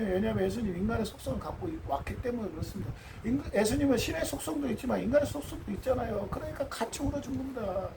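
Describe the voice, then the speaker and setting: A man's voice: very high-pitched, creaky, distant mic, background noise. A man preaching a sermon in an earnest way, asking his congregation rhetorical questions.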